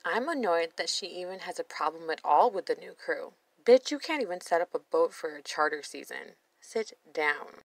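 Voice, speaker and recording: A woman's voice: lowish voice, lively intonation, normal speed, few pauses, no room sound, poor audio. A woman commenting on a reality show in a sassy, blunt voice-over, swearing freely. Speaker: reaction video host.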